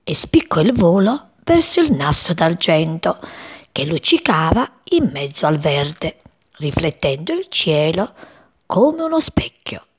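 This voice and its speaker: A woman reading a children's story aloud in an expressive, lilting way. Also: low voice, a little slow, slightly rough.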